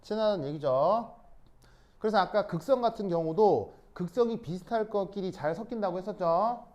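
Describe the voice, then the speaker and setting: A man's voice: sits high, moderate pace, a little mellow. A man teaching a chemistry lesson in a classroom, talking casually and often asking his students whether they understand. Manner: checks understanding with repeated questions; casual, mixes in English words. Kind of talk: classroom lecture.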